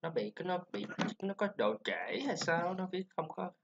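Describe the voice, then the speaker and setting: A man with a Vietnamese accent teaching English pronunciation, drilling sounds and syllables slowly with chatty asides. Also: high-pitched, very animated, gravelly, noisy background. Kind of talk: informal pronunciation lesson. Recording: slightly dull lo-fi sound.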